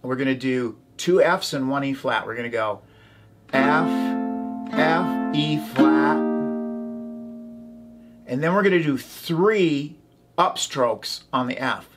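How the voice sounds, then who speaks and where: A man's voice: mid-range voice, expressive, moderate pace, over loud music. A man teaching a ukulele tutorial, calling out chords and strums and chanting rhythm syllables. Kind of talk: instructional tutorial. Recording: ukulele playing behind the voice.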